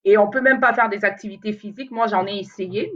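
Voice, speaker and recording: Speaking a little fast in a mid-range, fairly bright voice, a Lingala-speaking woman rambles through a casual live chat with her viewers. The sound is lo-fi, and she uses many fillers and restarts.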